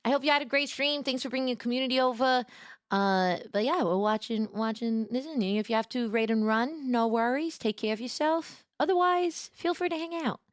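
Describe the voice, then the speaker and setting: A woman's voice: fairly high pitch, fairly quick, no echo, clean studio sound. A woman from New York hosting a casual livestream as a VTuber, chatting in the manner of a diner waitress with effusive, sing-song greetings. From New York, United States. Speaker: VTuber streamer and host.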